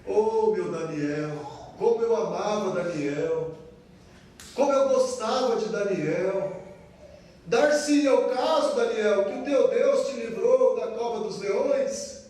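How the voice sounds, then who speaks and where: A Brazilian man voicing a grieving king, mournful and pleading, in a slow, low, hushed voice. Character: grieving old king, fearful and sorrowful. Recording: echoey church hall, mic far off.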